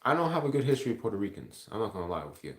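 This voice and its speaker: Racing along and very animated, a man with a lowish voice answers livestream comments in a rambling, heavily profane way. He's from Ontario, Canada, and the room sounds echoey.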